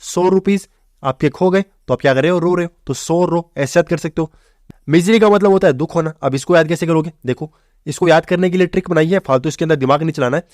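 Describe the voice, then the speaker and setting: A man's voice: fairly high pitch, a little mellow, no room sound, studio quality. A man teaching English vocabulary for exams, explaining memory tricks and often checking in with the viewer. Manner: keeps checking in with "theek hai bhai" and quizzing the viewer; mixes English words into fast classroom Hindi.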